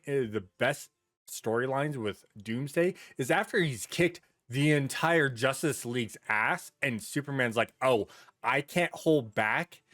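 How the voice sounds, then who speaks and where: In studio-quality audio with no echo, a man with a medium-pitched, slightly bright voice co-hosts a podcast. He chats casually and bluntly, swearing plenty and repeating words. The talk is anecdotes and opinions.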